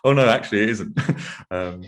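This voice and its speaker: A man with a lowish voice co-hosts a football podcast, chatting casually at a normal speed. He's thoughtful and hedges his points, and he laughs easily.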